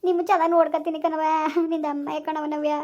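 A woman's voice: sits high, flat delivery, fast, dark tone, muffled recording. A woman acting a remorseful village stepmother who begs her stepdaughter to forgive her, in an amateur family drama. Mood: tearful. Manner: pleading, repetitive, rural colloquial speech.

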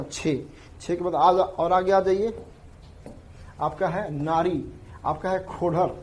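A man's voice: on the high side, darkish tone. A man teaching an exam prep class, repeating points over and over to drill them in. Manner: repetitive, drilling points to students. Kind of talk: classroom lecture.

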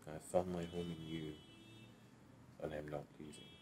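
A man's voice: a bass voice, level tone, normal speed, noisy background. A young man with a Nigerian accent acting a smitten lover in a romantic film, earnest and coaxing, often repeating himself. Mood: tender pleading. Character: smitten young playboy lover, pleading and playful. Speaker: romantic lead actor.

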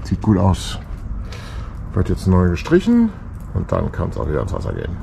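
Gravelly low-voiced older man vlogging. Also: huge pitch swings, normal speed, warm tone, slight background noise. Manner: chatty, self-mocking, jokey asides. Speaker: sailing vlogger. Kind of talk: casual self-filmed commentary. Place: outdoor boatyard. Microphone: action camera held at arm's length.

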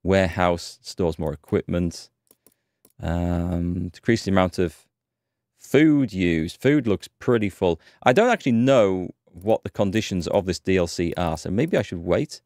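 Talking a little slowly in a low, slightly mellow voice, an English gaming streamer in his thirties with a North Yorkshire accent chats and thinks aloud on a headset mic during a let's-play. He's slightly under the weather with a cold. The dry, studio-quality recording comes from his home streaming room indoors.

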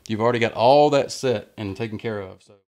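A man's voice: on the low side, brisk, a little mellow. A man in his thirties, a workshop channel host, explaining step by step how to use a jig while working at the bench in a large indoor woodshop. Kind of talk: hands-on workshop tutorial. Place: large indoor woodworking shop.

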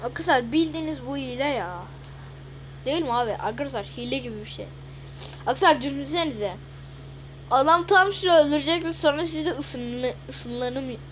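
A woman giving casual, excitable gameplay commentary, exclaiming and grumbling as she plays. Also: high voice, a little hiss or hum. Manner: excitable, swears and exclaims a lot. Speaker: gaming video host.

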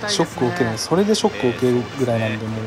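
Chatty streamer from Kagoshima, lively voice. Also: male voice, mid-range voice, racing. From Kagoshima, Japan. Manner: chatty, reacting aloud to plays, apologetic. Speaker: game streamer. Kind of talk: casual live game commentary. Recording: game crowd noise behind. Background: baseball game crowd sound.

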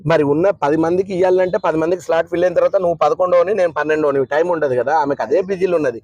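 A man, reviewing a TV show in casual chat, animated and opinionated. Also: a little high, racing, no room sound. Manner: animated, opinionated, talks over his co-host.

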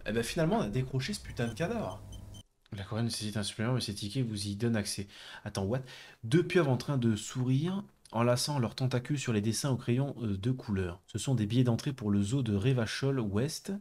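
A man's voice: mid-range voice, expressive, brisk, a little mellow. A young French man commenting on a role-playing game, reading its text aloud, laughing and swearing. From France. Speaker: gameplay commentator. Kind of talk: let's play commentary.

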